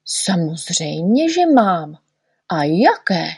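A woman voicing a tiny, eager, boastful male know-nothing in a storybook reading, talking excitedly and bragging. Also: fairly low pitch, husky, exaggerated voice. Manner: excited, shouty, quick to brag.

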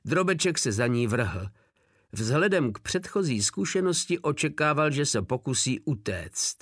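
A man's voice: medium pitch, very animated, a bit bright, no room sound. Man reading a story, dry close sound. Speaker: audiobook narrator. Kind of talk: scripted narration.

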